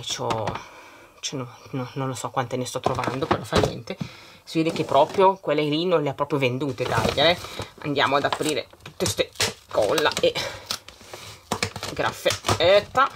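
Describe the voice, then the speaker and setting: A woman's voice: low voice, fairly bright tone, a little hiss or hum. A middle-aged woman vlogger chatting casually while decorating her planner and opening a surprise bag, reading out long lists of greetings. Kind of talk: casual chat while unboxing.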